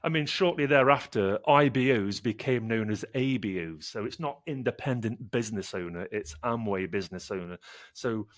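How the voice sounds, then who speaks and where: A man's voice: fairly low pitch, normal speed. A man, a podcast guest, telling anecdotes in a casual, wry way and acting out bits of dialogue. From United Kingdom. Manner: wry anecdotal storytelling with acted-out asides. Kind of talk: casual chat.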